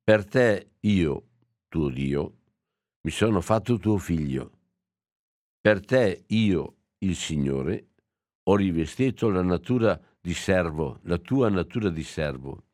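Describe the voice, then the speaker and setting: Slow, low-voiced Italian priest. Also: male voice, a little mellow, dry recording, clean studio sound. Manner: slow, reflective reading with hesitations. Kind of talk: homily with reading aloud.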